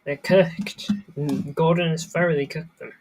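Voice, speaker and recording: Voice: mid-range voice, steady tone, a little slow, a little mellow, a little hiss or hum, poor audio. A livestream host giving casual, off-the-cuff live football commentary while watching a match.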